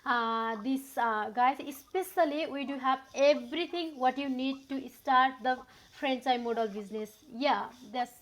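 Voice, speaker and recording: A woman's voice: sits high, a little slow, a bit bright. A woman from Nepal answering questions on a live panel over a video call, hesitant with many fillers.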